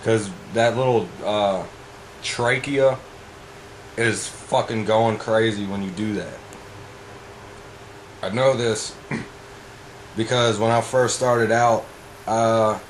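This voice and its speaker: A man's voice: on the low side, a little hiss or hum, poor audio. A man giving a casual, informal vocal tutorial as a coach, rambling and blunt with frequent swearing.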